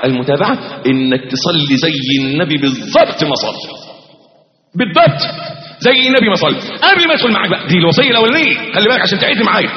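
A man's voice: high-pitched, expressive, very fast, a little hiss or hum. A man with an Egyptian accent preaching a sermon, firing rhetorical questions and acting out both sides of imagined dialogues. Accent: Egyptian Arabic. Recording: echoey hall, dull lo-fi sound.

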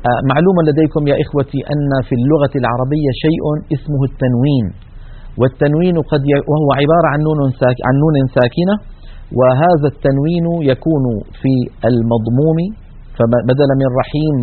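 A man gives a recorded recitation lesson in a slightly high, husky voice. He explains patiently and slows right down to stretch each example word. The sound is thin and narrow, like a phone line. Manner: slow explanatory delivery, stretches example words. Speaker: teacher of Quran recitation rules. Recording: tinny narrow-band recording.

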